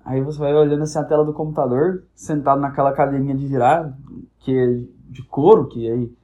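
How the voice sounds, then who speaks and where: A man's voice: mid-range voice, steady tone, brisk, dark tone, dull audio. A young man from Brazil hosting a podcast, telling a casual comic story with crude, profane humor and acting out the voices of the people in it. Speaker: podcast host.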